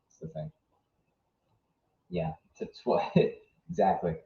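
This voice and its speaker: Slow, creaky and warm, his lowish voice still rides big pitch swings. The young stream host from southwest Virginia reacts to a live match, musing aloud and answering chat in a rambling, casual way. Audio is dull with room echo.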